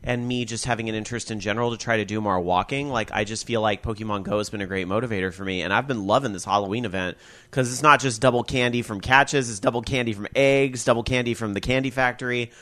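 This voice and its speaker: A man hosting a gaming podcast, chatting casually in an enthusiastic, opinionated way and reacting quickly. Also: mid-range voice, fairly even intonation, fairly bright tone. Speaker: podcast host. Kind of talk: casual chat.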